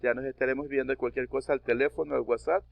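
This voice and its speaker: A man teaching a recorded online class, explaining patiently and counting syllables out slowly one by one. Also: mid-range voice, steady tone, gravelly, dry recording.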